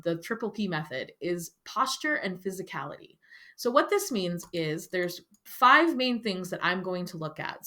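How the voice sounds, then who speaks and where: A woman's voice: lowish voice, a bit bright. A woman teacher giving a firm, instructive lecture to her students. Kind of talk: classroom lecture.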